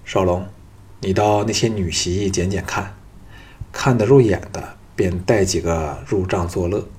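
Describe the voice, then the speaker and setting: A man's voice: sits low, a little slow, a little mellow. A man voicing a shrewd, sly male caravan boss who talks in an easygoing, coaxing way.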